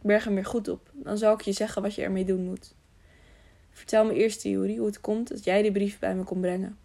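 A woman reading the lines of a gravely wounded, proud masked knight who speaks in a weak whisper. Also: mid-range voice, flat delivery, brisk, mellow.

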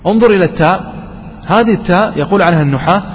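Man, classroom grammar lesson, quizzes students, faint background hiss. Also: high voice. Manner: asks students questions and answers them himself; slows to stress key terms. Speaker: grammar teacher. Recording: distant voice with long reverb and faint noise.

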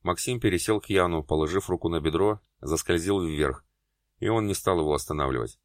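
Male narrator, very deep voice, steady reading, dry close sound. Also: brisk, no room sound. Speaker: audiobook narrator. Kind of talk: scripted narration.

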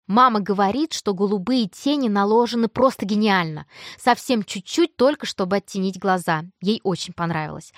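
A woman voicing an excitable teenage girl who gushes breathlessly. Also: medium pitch, no echo, clean studio sound, lightly acted. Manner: squealing, breathless gush.

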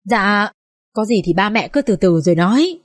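A woman voicing a young student daughter who calmly pleads with her parents. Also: medium pitch, normal speed, lightly acted. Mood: pleading reasoning. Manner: gentle, reasoning.

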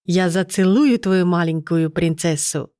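A playful, affectionate man friend, voiced by a woman narrator in a storybook reading. The voice sits a little low and sounds dry and close, with no room around it. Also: measured pace, mellow, dry recording, lightly acted. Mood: teasing.

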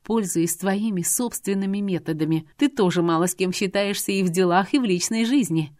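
A woman voicing a haughty, jealous woman who speaks in a mocking, hissing, sharp-tongued way. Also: mid-range voice, brisk, no room sound, lightly acted.

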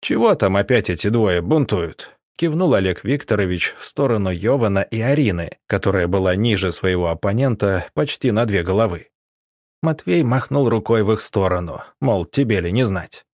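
A man narrating a story in a steady audiobook manner. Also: on the low side, brisk, dry recording, clean studio sound.

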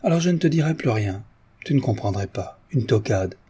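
Guy reading an audiobook doing a chatty young woman, teasing, a bit husky and dark. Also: mid-range voice, animated, fairly quick. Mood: playful.

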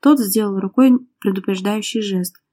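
A woman narrates an audiobook with steady, dramatic tension. Her voice is warm and mellow, plainly read from a script. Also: medium pitch, normal speed. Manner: dramatic, tense storytelling.

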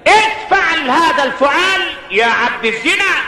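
A storyteller doing a proud Egyptian warrior lord. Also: male voice, very high-pitched, lively intonation, moderate pace, sharp tone, heavy reverb, long reverb tail, a faint crowd, voice pushed up, heavily acted, rough recording. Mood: commanding. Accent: Egyptian Arabic. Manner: commanding, challenging questions. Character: proud, quick-tempered male warrior lord.

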